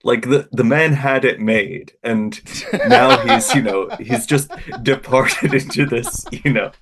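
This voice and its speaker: A man's voice: medium pitch, takes it slowly, gravelly, a bit bright. A man telling a casual, funny story as a podcast guest, with wry, dry self-deprecation and a stammering, phrase-repeating delivery.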